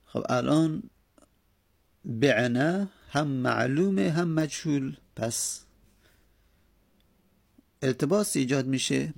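A male teacher giving a grammar lecture with a rough, gravelly edge to his voice. He talks patiently, reciting verb forms one after another in steady drills and checking in with his students as he goes. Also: mid-range voice, long pauses.

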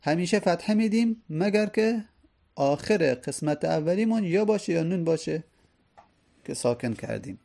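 A man gives a grammar lesson in a dark, gravelly voice. He explains step by step and says each example more than once so the students can follow. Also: a little high, animated. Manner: explains patiently with repeated examples. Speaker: teacher.

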